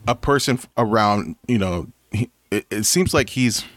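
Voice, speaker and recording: A man's voice: lowish voice, lively intonation, moderate pace, a bit bright, dry recording, studio quality. A man co-hosting a movie review chat, talking in a rambling way with many restarts. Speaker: podcast co-host reviewing movies. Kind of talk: casual chat.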